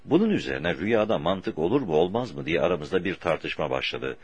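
A man reading a story aloud for an audiobook in a slow, deliberate way, with a husky voice. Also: low-pitched, big pitch swings, dry recording. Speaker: audiobook narrator.

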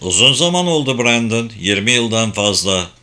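A man voicing a calm male intelligence director who speaks in a matter-of-fact way in an audiobook. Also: fairly low pitch, normal speed.

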